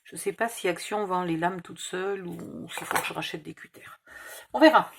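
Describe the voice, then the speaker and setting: A woman's voice: fairly low pitch, normal speed, vocal fry, noisy background. A woman with a slight Provençal accent, hosting a casual crafting tutorial, thinking aloud over measurements and correcting herself. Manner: muttering measurements, self-correcting.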